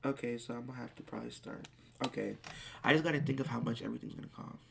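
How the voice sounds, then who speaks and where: A speaker in their late teens chatting casually on a live stream, reading viewers' questions aloud and answering in excitable bursts. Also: medium pitch, very fast, creaky, slight background noise.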